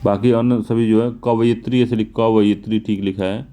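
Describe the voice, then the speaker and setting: A man with a North Indian Hindi accent going through exam questions as a teacher, repeating key words slowly for emphasis. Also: lowish voice, flat delivery, mellow. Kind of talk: explaining test answers.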